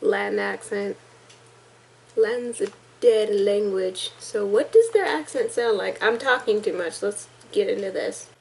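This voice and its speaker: A woman's voice: medium pitch, measured pace, creaky, background noise. A woman hosting a casual reaction vlog, chatty and rambling with self-deprecating asides. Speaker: reaction video host.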